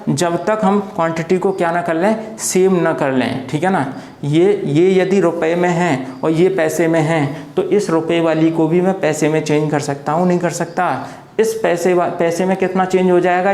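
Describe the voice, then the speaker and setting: A man's voice: a little high, a little mellow. A man teaching a lesson at a board, who keeps asking questions and answering them himself and repeats each point patiently. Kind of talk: classroom lecture at a board. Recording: echoey room.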